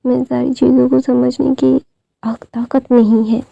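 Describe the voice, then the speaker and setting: A woman's voice: high voice, flat delivery, unhurried, creaky, mellow, no echo, lo-fi sound, heavily acted. A woman reading a pouty, whiny teenage boy in a storybook. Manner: complaining, pleading.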